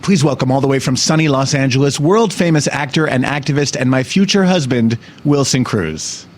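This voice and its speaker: A man's voice: medium pitch, normal speed, a little hiss or hum. A man hosting a podcast, chatting in a playful, bawdy joking way. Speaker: podcast host. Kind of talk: casual chat with a read sponsor ad.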